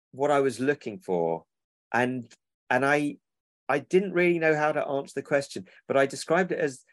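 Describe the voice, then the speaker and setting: A man's voice: mid-range voice, no room sound. A man, a children's book publisher who rambles and corrects himself in a casual interview over a remote call.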